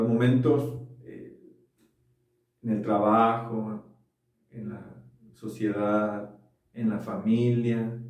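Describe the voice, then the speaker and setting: A pastor of medium pitch and warm tone preaches earnestly, often asking for agreement and checking that people are following along. The recording is echoey, with the mic placed far from him.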